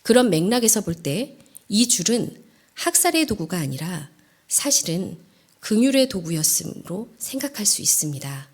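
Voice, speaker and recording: A woman evangelist preaching a dawn prayer sermon in an earnest way, lifting her voice on key phrases and dropping to a hush at the ends. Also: mid-range voice, sing-song, normal speed, breathy edge. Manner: earnest, rising emphasis then hushed phrase endings.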